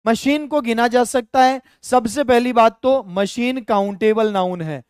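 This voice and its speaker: A man's voice: extremely high pitch, unhurried, clear, resonant tone, no room sound, studio quality. A male teacher with a Rajasthani Hindi accent, explaining grammar step by step in a live online lesson and talking to viewers as friends.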